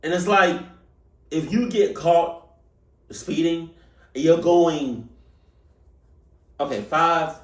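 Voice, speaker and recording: A man's voice: on the high side, very slow, long pauses. An American man giving casual reaction commentary in street slang, repeating phrases in an exasperated rant. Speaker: reaction video host. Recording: roomy echo, distant microphone.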